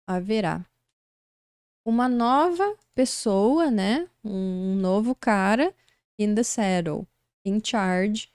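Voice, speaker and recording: Brazilian woman, English teacher, slow and patient delivery, smooth clear voice, dry close sound. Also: mid-range voice, darkish tone, no room sound. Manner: patient, explains slowly step by step. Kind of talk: online English lesson.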